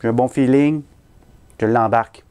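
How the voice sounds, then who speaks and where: A man's voice: mid-range voice, steady tone, normal speed, a little mellow, clear, resonant tone. A man with a Québécois French accent performing a comic story, self-mocking and punchline-driven.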